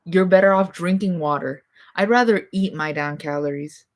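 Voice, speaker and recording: A young woman with vocal fry, chatting casually and bluntly to camera from her bedroom, keeping her voice quiet and swearing freely. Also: lowish voice, moderate pace. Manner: blunt, profane, rambling; trying to talk quietly. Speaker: vlogger.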